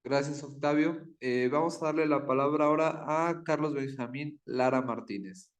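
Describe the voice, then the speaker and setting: A man's voice: fairly high pitch, normal speed. A man moderating a seminar question round, giving people the floor in brief, formal words.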